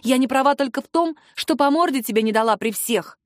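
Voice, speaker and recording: A woman playing a sharp-tongued, indignant young woman. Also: high-pitched, a little fast, dry recording, clean studio sound, pitched above the performer's own voice, natural voice. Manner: heated, sarcastic retorts. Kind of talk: audiobook dialogue reading.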